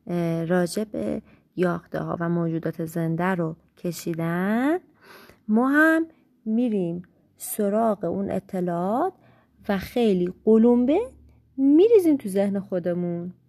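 A woman teacher walks children through a science lesson at an unhurried pace. She stretches out key words and sometimes corrects herself mid-sentence. Her voice is mellow and warm, and the recording is dry and close. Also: medium pitch, no room sound. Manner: slow, deliberate explaining with fillers and self-corrections.

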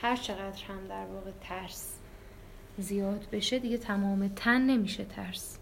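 A woman's voice: medium pitch, steady tone, creaky, slight background noise. A woman teacher explaining grammar plainly, picking sentences apart piece by piece.

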